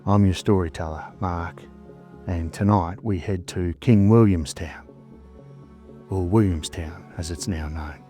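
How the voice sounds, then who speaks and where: A man's voice: low voice, unhurried, dark tone, faint music behind. An Australian man narrating scripted ghost stories as a storyteller host, in a suspenseful, dramatic manner with short phrases.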